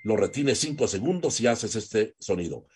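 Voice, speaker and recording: A man teaching a lecture on voice technique, animated and demonstrative, drawing out vowels as examples. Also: on the low side, normal speed. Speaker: voice coach.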